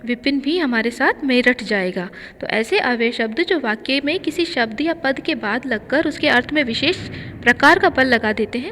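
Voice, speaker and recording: Woman teacher, high voice, methodical grammar lesson, long reverb and faint room hiss. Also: a bit bright. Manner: explains step by step, reading out lists of examples. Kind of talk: grammar lesson for school students.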